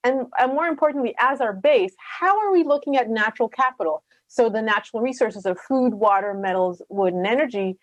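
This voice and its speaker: Middle-aged woman from Rwanda; earnest, passionate panelist, a bit high, dry sound over a video call. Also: lively intonation, no echo. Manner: earnest, passionate, quick with fillers. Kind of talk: conference talk.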